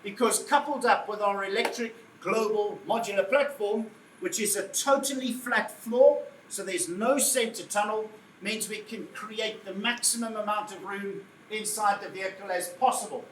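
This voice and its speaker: This is a chatty, jovial man with a high voice at normal speed, a bit bright against slight background noise. Presenting a car live in a showroom or event space, he jokes with the crowd and addresses them as "folks." Echo fills the room, placing his voice at a distance amid faint ambience.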